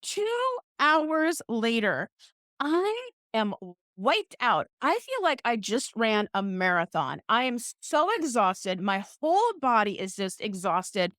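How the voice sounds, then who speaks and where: A woman's voice: a little high, sing-song, slow, fairly bright tone, no room sound, clean studio sound. A woman hosting a podcast, telling a story in a playful, self-mocking, casual way. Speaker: podcast host.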